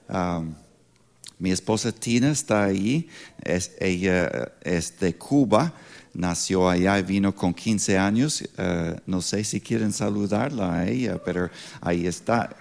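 This Pittsburgh man in his sixties, American-accented, delivers a missionary's sermon that opens with an informal introduction. Though labeled a non-native speaker, his first language is English, and he talks haltingly with grammatical slips. His voice sits low, creaky and darkish.

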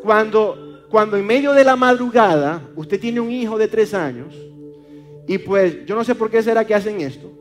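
With faint music in the background, a Venezuelan man from Maracaibo preaches in a high-pitched, animated voice at a moderate speed. He keeps repeating words, fumbles with fillers, and refers to listeners as brother.

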